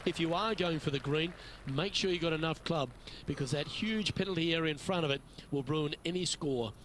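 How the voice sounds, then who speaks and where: An actor playing a measured, informative TV golf commentator in a video game. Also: male voice, on the high side, fairly bright tone, a little hiss or hum, natural voice, poor audio. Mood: advisory. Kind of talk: scripted sports commentary.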